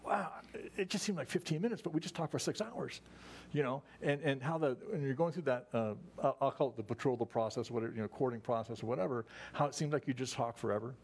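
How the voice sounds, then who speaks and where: A man's voice: mid-range voice, darkish tone. A man preaching a sermon to his congregation in a folksy, conversational way, often restarting his sentences. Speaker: pastor. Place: church service.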